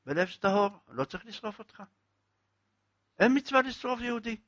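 A man's voice: high voice, lively intonation, a bit bright, dry recording, voice pushed up. A man voicing an earnest old rabbi who pleads with and reassures a penitent in a raised voice. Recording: dull, dry lo-fi recording.

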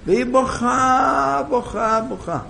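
A man with a high, gravelly voice tells a sermon story with lively, animated delivery. Faint noise sits behind him. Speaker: rabbi telling a moral story.

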